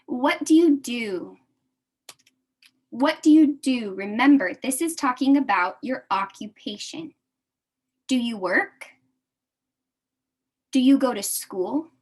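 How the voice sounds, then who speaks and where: Her pitch fairly high, a young American woman leads adult learners through a beginner English lesson. She goes slowly and says each phrase twice.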